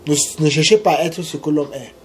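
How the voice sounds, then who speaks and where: A man delivering a casual, emphatic advice monologue, repeating his points and jumping up in pitch when he urges his listeners on. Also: brisk. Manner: emphatic and repetitive, preachy. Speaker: vlogger giving love advice.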